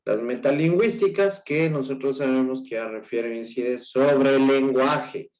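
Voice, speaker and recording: A male teacher giving an online class lecture, explaining slowly and haltingly with an Ecuadorian Spanish accent and checking in with his students again and again. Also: mid-range voice, a little mellow. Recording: dull lo-fi recording.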